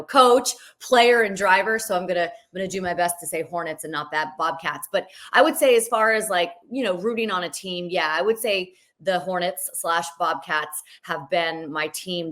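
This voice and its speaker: A woman's voice: on the low side, a bit bright. A woman sports broadcaster as a podcast guest, talking in a friendly, conversational way. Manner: friendly, conversational, laughs easily. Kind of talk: casual podcast interview.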